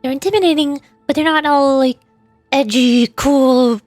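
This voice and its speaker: A young, high-voiced woman streams as a VTuber, commenting casually on a game in a playful, teasing, rambling way at a moderate pace with a slightly mellow tone. The sound is close and dry, with no room echo and music underneath.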